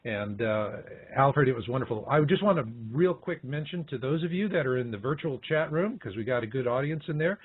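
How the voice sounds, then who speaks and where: A man's voice: fairly high pitch, breathy edge, no echo. A man hosting a radio talk show, explaining his points in a conversational way. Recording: tinny phone-like sound.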